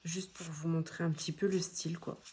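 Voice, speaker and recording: A woman casually showing her new card decks, talking in a gentle, hesitant way with many pauses and fillers. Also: sits low, level tone, a little hiss or hum. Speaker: tarot deck vlogger. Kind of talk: casual show-and-tell.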